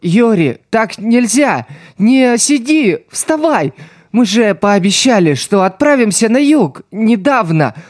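Man doing a panicked young street boy, high, pleading, crying out, slow drawn words. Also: sing-song, darkish tone, no echo, studio quality, heavily acted. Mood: desperate. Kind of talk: audiobook reading.

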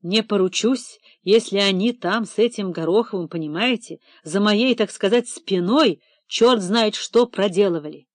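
A woman doing a theatrical middle-aged office manager in an audiobook, indignant and excitable, voice shaking. The sound is dry and close, with no room around it. His pitch jumps higher whenever he protests. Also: normal speed, hardly any pauses, no echo, lightly acted. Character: nervous, theatrical middle-aged male administrator. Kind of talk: audiobook character reading.

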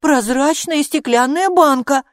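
Brief: woman reading as a sharp-tongued girl in a storybook, loud, bright and scornful. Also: high voice, unhurried, no room sound, clean studio sound, voice pushed up. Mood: bossy. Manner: snapping, mocking. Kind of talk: audiobook character voice.

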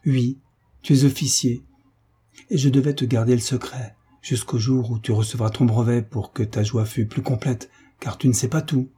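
A man's voice: mid-range voice, steady tone, moderate pace, warm tone, breathy edge. A man voicing a joyful older sailor, a veteran uncle who speaks in hearty exclamations.

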